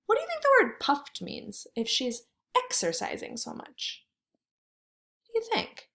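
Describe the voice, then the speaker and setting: A female teacher reads aloud to kindergarteners, wondering out loud and posing simple questions in an expressive, kid-friendly way. Her voice is very high and gravelly, and she takes her time.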